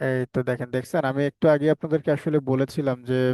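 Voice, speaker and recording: A man's voice: medium pitch, fairly even intonation, fast, warm tone, no room sound. Man teaching in repetitive call-and-response. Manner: drills the class with repeated call-and-response questions. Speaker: English teacher. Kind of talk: online class teaching pronunciation. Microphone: headset.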